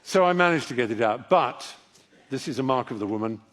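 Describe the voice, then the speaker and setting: A man's voice: mid-range voice, lively intonation, a little fast, fairly bright tone. An older man, an actor and audiobook narrator, telling a rambling, self-deprecating story to a live audience with frequent restarts.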